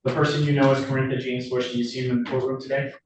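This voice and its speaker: A man speaking as a prosecutor, formally questioning in court with halting, rephrased wording. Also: medium pitch, flat delivery. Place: indoor courtroom. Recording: very echoey courtroom, distant mic, clear noise.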